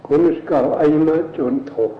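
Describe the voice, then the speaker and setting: Slow, halting man answering questions. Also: a little high. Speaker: language informant. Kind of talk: elicitation interview. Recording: echoey, dull old field recording with faint hiss.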